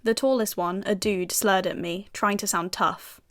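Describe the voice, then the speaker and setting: A woman's voice: mid-range voice, steady tone, a little slow, lightly acted. British actress as a cocky young female FBI agent narrating her own audio drama, dry sardonic wit, mid-range voice. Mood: wry. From United Kingdom.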